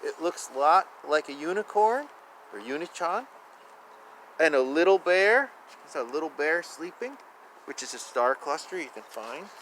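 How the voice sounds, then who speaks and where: His pitch swinging widely, a man with a somewhat high, slightly bright voice reads aloud to young children outdoors at a measured pace. He is playful and chatty, full of exclamations and asides, and stretches words for emphasis, with faint outdoor ambience behind him.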